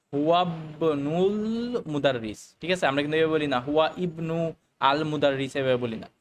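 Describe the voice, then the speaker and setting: A man teaching a recorded Arabic lesson, explaining the grammar slowly, with fillers and English words mixed in. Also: on the high side, a little hiss or hum.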